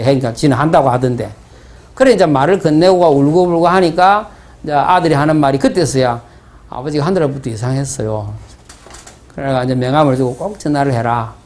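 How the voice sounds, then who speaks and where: A man's voice: on the high side, a little mellow. A man with a Gyeongsang Korean accent, preaching a sermon as pastor, asking the congregation rhetorical questions and telling stories in dialect. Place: church sanctuary.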